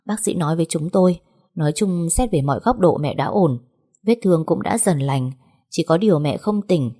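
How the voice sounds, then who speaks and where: A woman narrates a first-person audiobook story. Her voice is low and dark with a husky, breathy texture. She reads in a slow, mournful way. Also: lively intonation.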